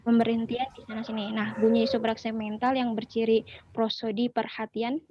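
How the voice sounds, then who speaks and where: A woman's voice: a little high, flat delivery, normal speed. Woman explaining a lesson, dull sound. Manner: explanatory, with frequent fillers. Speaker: student presenter.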